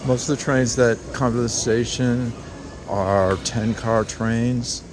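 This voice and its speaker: A man's voice: medium pitch, steady tone, slow, music in the background. A man giving a casual, unscripted walking tour, hesitant and thinking aloud as he goes. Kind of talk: casual, unscripted walk-through commentary. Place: indoor train station, walking. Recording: very noisy busy train station.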